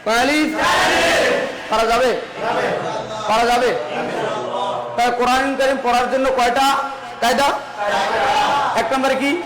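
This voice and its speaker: Male religious reading teacher, slow, chanting call-and-response drills, loud class noise behind. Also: very high voice, level tone, echoey room, over a noisy crowd, rough recording. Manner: drills with repeated questions, sing-song chanting.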